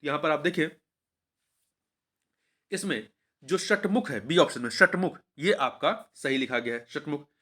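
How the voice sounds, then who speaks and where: A man with a fairly high voice teaches in a steady exam-prep walkthrough. He goes through each answer, says it twice, and keeps putting questions back to the listener. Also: measured pace, long pauses. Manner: repeats each answer, quizzing the viewer.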